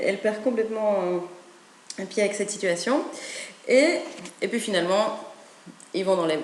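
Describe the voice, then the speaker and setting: A woman giving parenting advice in a casual, animated way, acting out a children's story as she talks. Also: mid-range voice, a little hiss or hum. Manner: animated, acts out stories. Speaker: parenting educator. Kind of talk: casual spoken advice video. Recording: echoey room.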